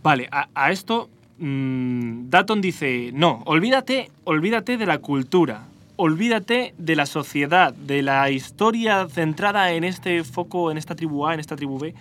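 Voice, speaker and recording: A man with a Spanish accent hosts a podcast debate about the philosophy of art, explaining his ideas at length and correcting himself often. His voice is fairly high and a little slow, with few pauses, and his manner is animated.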